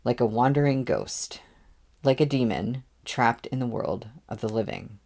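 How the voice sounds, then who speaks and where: A man's voice: mid-range voice, lively intonation, a little slow, gravelly, darkish tone. A man reading a novel aloud as narrator, with offhand asides between passages. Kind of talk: audiobook readalong.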